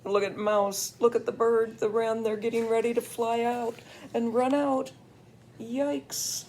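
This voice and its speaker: Grandmother, older woman, slow storybook reading, gentle, playful questions to a child, faint background hiss. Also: fairly high pitch, flat delivery. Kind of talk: picture-book read-aloud to a child.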